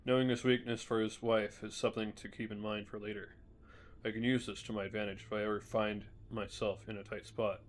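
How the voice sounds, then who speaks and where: A male streamer reading journal entries from a video game aloud in a measured way, with small restarts. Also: lowish voice, little pitch movement, slight background noise.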